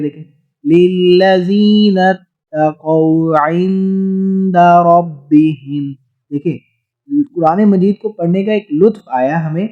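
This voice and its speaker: A man teaching Quran recitation, explaining rapidly in speech and then chanting verses slowly and drawn out. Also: fairly high pitch. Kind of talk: recitation lesson. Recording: dull lo-fi recording.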